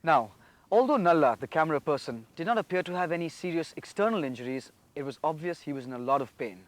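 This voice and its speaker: A man's voice: a little high, lively intonation, quick pace. A man reading scripted narration about a journey as its narrator.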